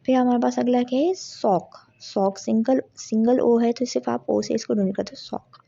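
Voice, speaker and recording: Husky woman tutoring for exams. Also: fairly high pitch, fairly even intonation, normal speed, dark tone. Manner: explains step by step, mixing in English terms. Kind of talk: exam revision lecture. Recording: dull lo-fi audio.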